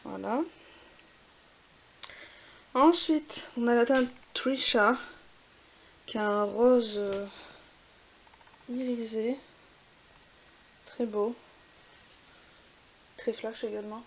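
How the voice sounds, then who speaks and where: A woman's voice: a little high, very slow, pauses often. A woman with a French accent, chatting casually with many fillers while showing makeup swatches. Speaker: beauty vlogger. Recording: faint hiss.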